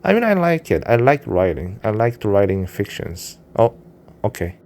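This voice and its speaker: Very animated at normal speed, a man with a fairly low voice and a Korean accent talks candidly to his cat in a rambling vlog monologue. He's a vlogger and self-published writer speaking English as a second language, and his casual talk is full of fillers and restarts.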